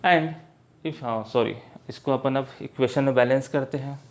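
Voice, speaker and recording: A man teaching math at a board, speaking slowly and often checking that his students follow. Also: mid-range voice. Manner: slow, repeats "clear?" checks to students. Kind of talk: board lesson in Hindi mixed with English.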